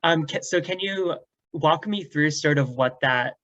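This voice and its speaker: A man's voice: on the high side, measured pace, a bit bright, no echo. A man hosting a casual interview, asking long, rambling questions full of fillers and short backchannels. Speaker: interviewer, host. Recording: dull dry audio.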